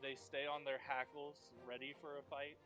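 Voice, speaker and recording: A man's voice: mid-range voice, flat delivery, normal speed, pushed and bright, muffled recording. A man running a tabletop role-playing game as game master, narrating moves and scenes. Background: music.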